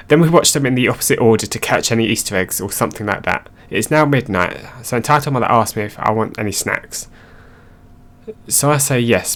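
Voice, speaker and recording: Low-voiced man reading stories aloud. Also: a bit bright. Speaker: narrator.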